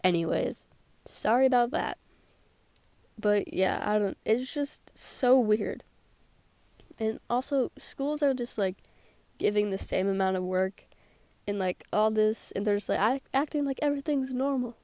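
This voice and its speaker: Recorded dry in a small closet, a teenage girl with a sore throat rambles through her solo podcast at a measured pace. Her mid-range voice is a little mellow, and she's sarcastic and quick to laugh.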